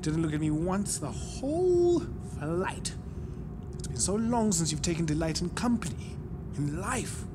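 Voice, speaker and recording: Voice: mid-range voice, big pitch swings, unhurried, background noise. A performer playing a playful, self-admiring ghost in an audio drama, with a wry, mocking manner. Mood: grand, boastful. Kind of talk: modern audio drama acting.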